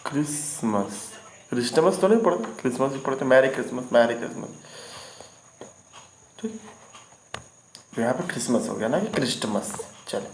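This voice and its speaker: A man teaches vocabulary in an online lesson, saying each word twice and stopping often to check that students follow. His voice sits at an ordinary middle pitch. The room is echoey, with a faint hiss of noise behind. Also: lively intonation, moderate pace, pauses often. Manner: repeats words and keeps asking "ठीक है ना?".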